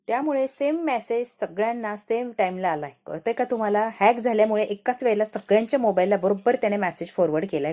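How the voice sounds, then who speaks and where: A woman's voice: mid-range voice, mellow, close to an everyday voice. A woman voicing a worried young wife who earnestly pleads with her sister-in-law. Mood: explaining.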